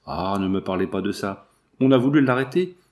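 A man's voice: lowish voice, animated, a little fast, a little mellow. A man voicing a flustered bakery maid. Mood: agitated. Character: flustered female bakery servant.

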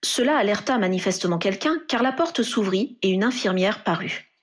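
A woman reading a fan fiction story aloud in a steady narrating voice. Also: medium pitch, normal speed. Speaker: reader.

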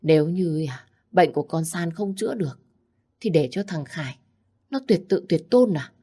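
A woman's voice: deep voice, lively intonation, moderate pace, mellow, breathy edge. A woman doing a scheming, nagging stepmother. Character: scheming middle-aged stepmother, shrill and nagging.

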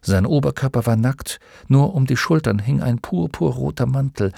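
A male audiobook narrator tells the story in a measured, vivid way, his mid-pitched voice carrying a gravelly texture. The sound is dry and close, with no room around it. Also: dark tone, dry recording.

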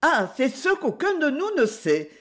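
A woman's voice: medium pitch, sing-song, measured pace. A woman voicing a composed, courteous lady who questions a suspect lightly and politely. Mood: calm. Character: calm genteel lady investigator, amiable.

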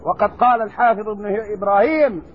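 A man teaching a recorded religious lesson, explaining slowly and deliberately and stressing word forms. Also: high-pitched, husky. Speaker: Islamic scholar teaching hadith. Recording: dull lo-fi lecture recording.

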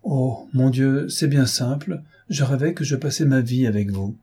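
A man voicing a gentle, loving young daughter who speaks in a soft, earnest way. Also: mid-range voice, normal speed, breathy edge. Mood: tender.

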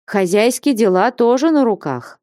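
A woman's voice: animated, normal speed, dark tone, no room sound, clean studio sound, lightly acted. Alexei, a gloomy young village man voiced by a woman. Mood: glum. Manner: low, reluctant, sighing. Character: downcast young village man, shy and evasive.

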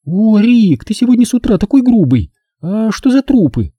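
Guy doing a high shrill jealous girlfriend, sarcastic and accusing, dark husky tone, dry close sound. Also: very animated, normal speed, no room sound, dull audio. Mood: indignant. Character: jealous, sharp-tongued young woman. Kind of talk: audiobook reading.

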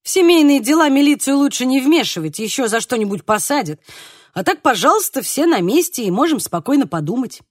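Woman reading as a sharp-tongued scolding older woman. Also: high voice, very animated, brisk, dry recording, clean studio sound. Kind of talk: audiobook reading.

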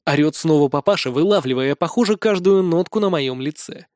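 A man's voice: a little high, animated, a little fast, darkish tone, no room sound, clean studio sound. A man reading first-person fantasy narration for an audiobook, in a wry, colloquial way with mild swearing.

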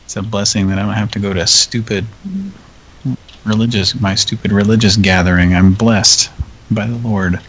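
A man's voice: lowish voice, level tone, moderate pace, fairly bright tone. A man hosting a live prank call stream, joking and laughing often. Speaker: host.

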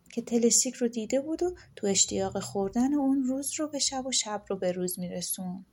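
A woman narrating a fairy-tale audiobook in a calm, gentle storytelling manner. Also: medium pitch.

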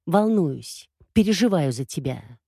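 A woman reading the part of an older mother who rambles and nags her grown son, in a somewhat raised, lively voice. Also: deep voice, measured pace, creaky, slightly rough, no echo, studio quality, heavily acted. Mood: anxious. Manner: rambling, nagging. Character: chattering worried older mother.

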